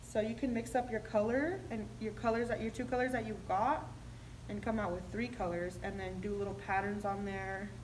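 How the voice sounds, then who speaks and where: A young woman hosts a casual craft tutorial, chattily explaining each step, her speech slightly muffled by a face mask. She has a mid-range, darkish voice with fairly even intonation at normal speed, recorded in an indoor room with a decorated backdrop and a little hiss or hum.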